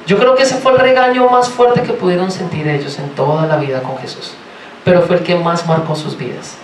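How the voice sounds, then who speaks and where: A man from Colombia with a Colombian accent, preaching a sermon in a lively, joking way and asking the congregation many rhetorical questions. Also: high voice, a little fast, slight background noise. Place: church sanctuary. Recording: roomy, from far off, faint ambience.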